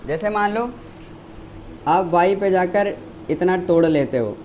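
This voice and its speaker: A man's voice: high-pitched, slow, a little mellow, a little hiss or hum, rough recording. A man with an Indian accent teaching a maths lecture, asking the class questions, answering them himself and repeating key words.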